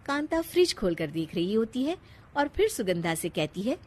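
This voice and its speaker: A woman narrating a scripted story in an animated, expressive way, with a teasing manner as she addresses the listener. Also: a little high, normal speed, no echo.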